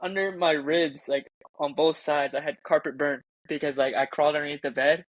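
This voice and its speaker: Young guy cohost, kinda high voice, cussing and laughing thru a story. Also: fairly quick, no echo, rough recording. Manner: laughing, profane, animated storytelling. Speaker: podcast co-host. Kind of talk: casual storytelling chat.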